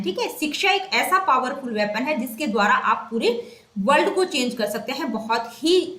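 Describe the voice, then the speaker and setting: A woman's voice: high voice, a bit bright, echoey room. A woman teacher giving an exam-prep lecture, who repeats key points, asks questions and then answers them herself, and mixes English terms into her talk. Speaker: teacher preparing students for exams.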